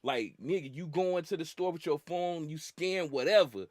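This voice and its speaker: Brief: young male podcast host, easygoing and slangy, higher voice, dry close sound. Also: moderate pace, darkish tone, no echo. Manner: laid-back, slangy, laughs often. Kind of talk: casual chat.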